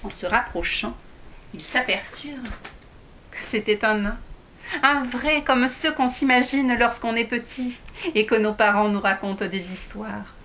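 Slow, bright woman reading a fairy tale. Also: a little high, a little hiss or hum. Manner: slow, expressive read-aloud. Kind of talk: storybook narration.

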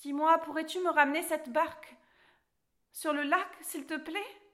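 A woman's voice: steady tone, normal speed, a bit bright. A woman voicing Alice, a brave, polite young girl, in a storybook read aloud. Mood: eager. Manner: high and eager, polite.

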